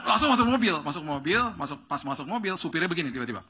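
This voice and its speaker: Lively, bright-voiced man preaching. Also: a little high, racing, slightly rough. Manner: animated, acts out dialogue with rising excitement. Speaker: pastor. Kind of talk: storytelling sermon. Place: church stage.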